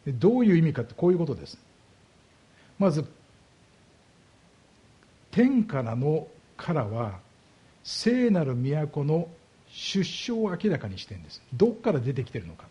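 A man's voice: on the high side, wildly swooping pitch, warm tone, husky, muffled recording. A man preaching a sermon as a pastor, explaining scripture and asking his congregation rhetorical questions. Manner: slows down heavily on key words.

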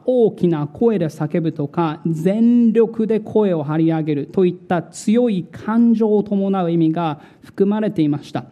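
A male pastor preaching a sermon in a slow, dramatic way, repeating words for emphasis. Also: on the high side, warm tone, lo-fi sound.

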